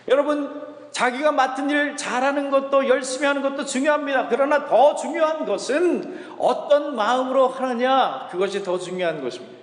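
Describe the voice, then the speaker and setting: A male pastor preaching a sermon, telling a story and acting out the people's words. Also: very high voice. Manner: storytelling preacher, acts out quotes. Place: church sanctuary. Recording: echoey church hall.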